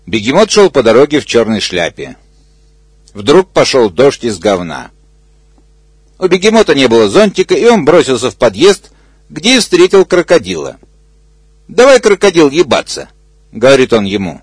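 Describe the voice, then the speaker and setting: A man's voice: medium pitch, sing-song, normal speed, breathy edge, no room sound. A man reading an obscene comic story aloud in a matter-of-fact way. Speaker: reader.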